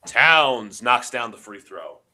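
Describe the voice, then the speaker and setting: Heavy background noise surrounds a man with a mid-range voice who speaks slowly as he hosts a live basketball watch-along. Congested from allergies, he calls the play-by-play, chats with his co-host and gets excitable, shouting on the big plays.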